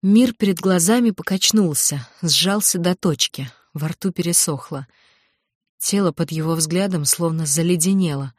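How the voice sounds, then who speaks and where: A woman reading a first-person audiobook in a measured, tense storytelling manner. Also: lowish voice, darkish tone, dry recording, clean studio sound. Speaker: audiobook narrator.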